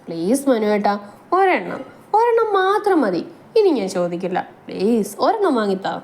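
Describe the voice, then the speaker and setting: A woman's voice: medium pitch, very animated, moderate pace, a little mellow. A woman voicing a playful young wife who coaxes and pleads with her husband. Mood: coaxing.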